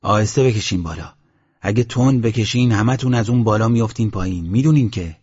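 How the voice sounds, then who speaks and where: A fretful, practical village headman, read by a man in a storybook. He keeps asking questions in a slightly raised, husky, low voice. The recording is dull and lo-fi. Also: darkish tone, big-room sound. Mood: worried questioning.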